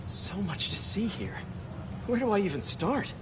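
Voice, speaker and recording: A man's voice: high voice, big pitch swings, measured pace, background noise. An actor playing an earnest, curious young man in a video game, friendly and conversational as he thinks aloud. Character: earnest, curious young male hero and science whiz.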